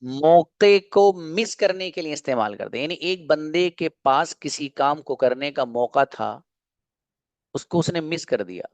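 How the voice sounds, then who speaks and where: Male online English teacher with a slightly high voice, dry close sound, patient and repetitive. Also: animated, a little mellow, no echo. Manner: explains patiently, repeats example sentences slowly. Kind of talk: online grammar lesson in Hindi.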